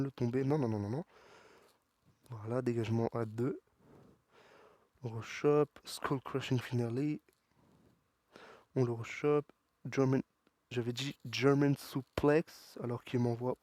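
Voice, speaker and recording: Excitable gamer man, dry close mic. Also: medium pitch, dry recording. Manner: excitable, talks back to the game characters. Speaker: gaming YouTuber. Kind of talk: let's play commentary.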